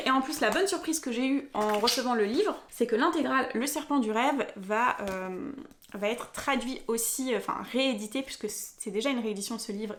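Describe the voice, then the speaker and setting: A young woman talks casually through her latest book purchases from her home. Her voice sits a little high, and she sounds eager, stopping often to hesitate before carrying on. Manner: chatty, many hesitations, enthusiastic. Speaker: book vlogger. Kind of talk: casual book haul chat.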